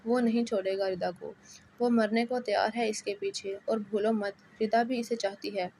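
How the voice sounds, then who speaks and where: Woman narrator doing young wife, earnest, pleading, mid pitch, flat delivery. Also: slight background noise, natural voice.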